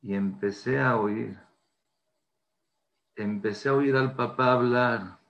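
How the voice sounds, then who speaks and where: A man's voice: medium pitch, slow pace, gravelly, highs cut off. A man giving an inspirational religious talk, telling a story earnestly and mixing Hebrew religious terms into his speech. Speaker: religious speaker.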